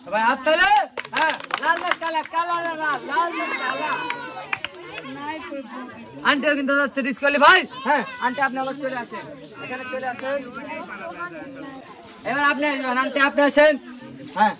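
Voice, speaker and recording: Man, very high voice, game host, energetic announcing, noisy crowd outdoors. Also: normal speed, long pauses. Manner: energetic, coaxing contestants and calling for applause. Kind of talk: lively game-show announcing. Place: outdoors in a public street setting. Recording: loud outdoor crowd noise.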